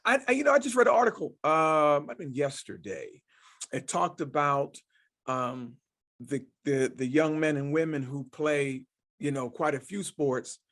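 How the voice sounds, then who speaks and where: Male podcast host, higher register, casual and affirming. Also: animated, moderate pace, fairly bright tone. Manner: affirming, backchannels with frequent "yeah". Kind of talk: casual interview chat.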